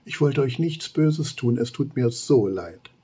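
Earnest young wolf cub, as a male storyteller voices him, husky, dark tone. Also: mid-range voice, lively intonation, a little slow, dull audio. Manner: earnest, apologetic.

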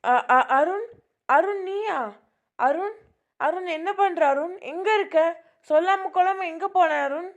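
A woman's voice: high-pitched, normal speed, highs cut off, lightly acted. A woman voicing a middle-aged mother who scolds and frets over her missing son in an amateur voice drama. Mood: anxious.

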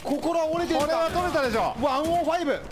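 A man's voice: very high-pitched, expressive, very fast, background noise. A man giving frenzied live commentary on an esports match.

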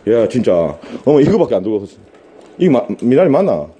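A vlogger and live streamer with a Gyeongsang Korean accent chats casually to viewers outdoors in a rural garden, joking, stammering and rambling. His mid-range, mellow voice is very animated and fairly quick, on a muffled recording with slight hiss or hum.

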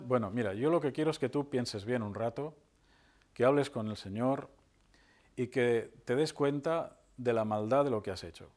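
A middle-aged man, preaching a sermon as pastor in a conversational way, with fillers and slow emphatic phrases. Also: mid-range voice, darkish tone. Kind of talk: sermon with storytelling.

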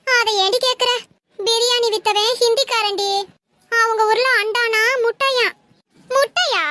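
A woman's voice: very high voice, steady tone, measured pace, sharp tone, heavily acted. A woman playing an exasperated scolding mother. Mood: complaining. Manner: scolding, rambling complaints. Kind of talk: comedy sketch acting.

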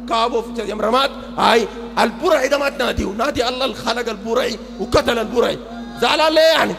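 A Sudanese man preaching at a rapid clip in a very high, gravelly voice. He is combative and mocking and keeps rising into loud outbursts, and a long reverb trails behind every phrase. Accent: Sudanese Arabic. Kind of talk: open-air sermon.

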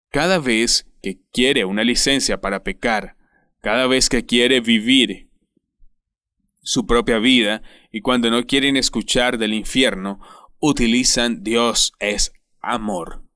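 A man preaching a sermon in a deliberate, emphatic way, dwelling on repeated words. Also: mid-range voice, a bit bright, dry recording, studio quality. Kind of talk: sermon voice-over.

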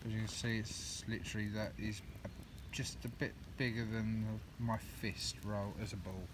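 A man's voice: fairly low pitch, little pitch movement, normal speed. A man, chatting casually through a woodland cooking and hiking vlog with lots of ums, filmed on a handheld phone outdoors. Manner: rambling, many ums, chatty. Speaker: outdoors vlogger. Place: woodland campsite and path outdoors. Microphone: phone camera held at arm's length. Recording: outdoor phone audio with clear background noise.

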